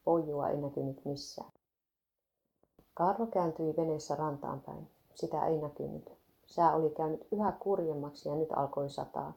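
A woman narrating a devotional story aloud in a steady, even reading. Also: deep voice, vocal fry.

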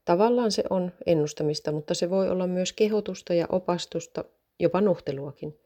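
A woman reading the part of an eager young boy who has just found faith, speaking in a calm, sincere, preaching tone. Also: on the low side. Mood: earnest. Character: earnest young boy, eager new believer.

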